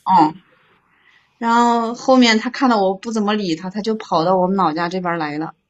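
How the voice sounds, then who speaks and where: A woman's voice: mid-range voice, fairly even intonation, brisk, highs cut off. A woman calling into an advice show, telling her own story with stammering repeats. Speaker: caller.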